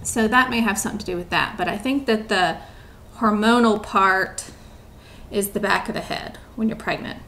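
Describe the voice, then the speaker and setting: A woman's voice: mid-range voice, normal speed, sharp tone, slight background noise. A young woman chatting casually to camera at home, rambling with lots of ums and a bit out of breath. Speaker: vlogger.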